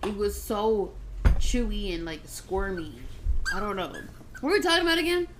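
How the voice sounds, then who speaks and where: A young woman vlogging in casual chat, high and giggly, rambling and swearing. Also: sing-song, moderate pace, background noise.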